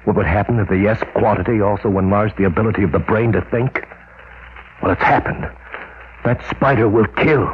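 An actor playing a grim, driven male scientist in an old radio drama, hushed and intense. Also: fairly low pitch, brisk, a little hiss or hum. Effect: old radio broadcast sound. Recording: tinny old radio broadcast.

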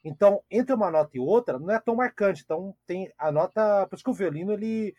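A man co-hosting a casual music chat, jokey and quick to interrupt, repeating words as he explains. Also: high voice, lively intonation, warm tone, no echo. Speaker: co-host. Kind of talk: casual podcast chat about classical music.

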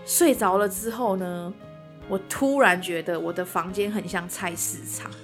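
A woman's voice: on the low side, a little slow, soft background music. A woman with a Taiwanese Mandarin accent, a podcast co-host telling a personal ghost story in casual chat and acting out what people said. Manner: animated, acts out quoted dialogue.

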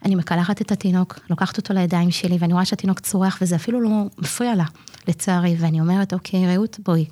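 Nurse lady in her 40s, retelling a case, acts out the dialogue, lots of uhs, lowish voice. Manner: earnest, animated retelling that acts out quoted dialogue; frequent hesitation fillers. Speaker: community child-health nurse. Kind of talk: personal story in an interview.

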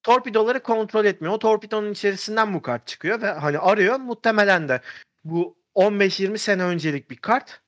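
A man's voice: high voice, brisk, a bit bright. A man telling a story in a casual podcast chat, rambling with fillers and restarts.

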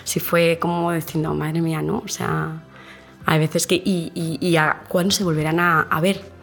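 A woman tour guide in an interview, telling her work stories in a lively way and acting out the dialogue. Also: deep voice, unhurried, vocal fry, faint music behind. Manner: animated storyteller, acts out dialogue with many restarts.

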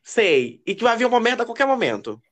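Animated gossipy young man. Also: quick pace. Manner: expressive, lively pitch. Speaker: podcast co-host. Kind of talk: casual chat.

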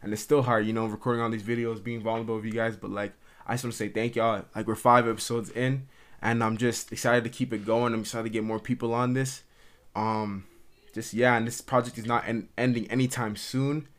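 A man's voice: medium pitch, flat delivery, a little fast. Earnest young man talking casually. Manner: earnest, rambling, heavy use of "like". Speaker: podcast host. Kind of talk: casual solo monologue. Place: at home in his mother's house, dimming light. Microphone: camera recording.

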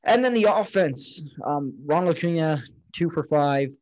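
A man's voice: fairly high pitch, lively intonation, normal speed, darkish tone, no echo. Rambling man recapping a ballgame. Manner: rambling, recaps plays with frequent fillers. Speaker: podcast co-host. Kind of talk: casual sports chat.

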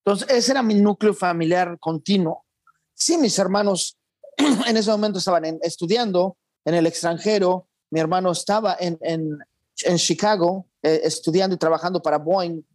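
A man, a guest in an interview, speaking in a reflective, measured way with some restarts. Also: high-pitched, darkish tone, no room sound, clean studio sound. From born in Argentina, raised in Mexico. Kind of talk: conversational interview.

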